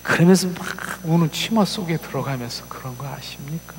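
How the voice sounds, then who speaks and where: A man preaching an emotional sermon, telling a story and acting out its voices, moving between soft whispers and loud cries. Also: a little high, moderate pace, long reverb tail, noisy background. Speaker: pastor. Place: church sanctuary.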